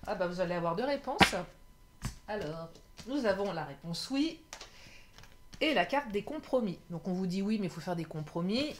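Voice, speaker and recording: A woman giving a casual, chatty tarot reading to her viewers, often laughing and pausing on filler sounds. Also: mid-range voice, expressive, noisy background. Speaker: tarot card reader.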